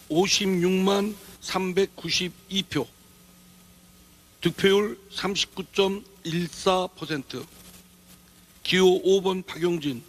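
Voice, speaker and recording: A man with a high-pitched voice delivers a formal results announcement. He reads deliberately and officially, as an election official on stage. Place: political convention stage.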